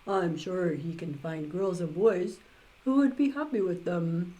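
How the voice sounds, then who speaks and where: A woman's voice: fairly low pitch, a little slow, mellow, pitched below the performer's own voice, close to an everyday voice, poor audio. A woman voicing a solemn, kindly king of a toy island in a children's storybook. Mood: solemn, caring. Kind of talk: children's storybook read-aloud.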